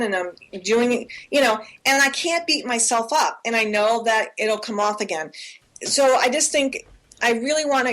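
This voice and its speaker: A woman's voice: a little high, fairly bright tone. A woman in her forties co-hosting a talk show, speaking earnestly and emphatically, often repeating herself for stress. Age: 40s. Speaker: co-host. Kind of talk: casual talk show chat. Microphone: remote call.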